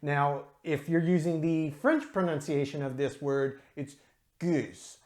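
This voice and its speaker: A man's voice: a little high, steady tone, unhurried. A man hosting a casual video beer review, talking in a chatty, explanatory way with frequent ums and uhs. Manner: careful with pronunciation, drawn out.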